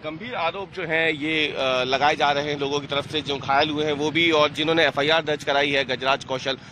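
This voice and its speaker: A male television reporter questions witnesses on a busy street, his voice a little high. He asks pointed questions and wraps up with a formal sign-off, while street noise is plainly audible behind him. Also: fairly even intonation, fairly quick, pushed and bright. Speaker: field reporter. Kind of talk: news field report.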